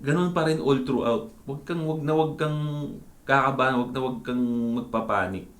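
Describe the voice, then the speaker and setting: A man's voice: medium pitch, a little fast, a bit bright. A man talking casually as a dating-advice vlogger, chatty and mixing English into his speech, often ending lines with tag questions and calling the listener buddy. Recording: roomy echo with faint background music.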